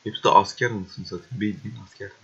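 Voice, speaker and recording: A young man giving casual gameplay commentary, swearing and exasperated, with excitable outbursts. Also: fairly low pitch, fast, a little hiss or hum. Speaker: gaming video host. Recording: dull lo-fi recording.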